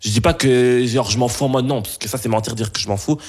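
A young man from Belgium answering interview questions, halting and full of restarts and fillers. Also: mid-range voice, slightly rough.

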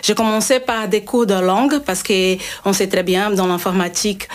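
A middle-aged Brazilian woman, appearing as a cybersecurity consultant guest on a radio interview, speaks with a Brazilian Portuguese accent at an ordinary middle pitch. She explains earnestly at normal speed with fairly even intonation, often breaking off to restart sentences.

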